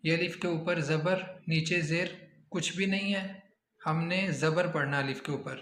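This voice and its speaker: A man teaching Quran recitation, spelling out Arabic words letter by letter and chanting the recited words slowly. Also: fairly high pitch, fairly even intonation, a bit bright, roomy sound, a little hiss or hum. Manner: slow, drawn-out chanting when reciting.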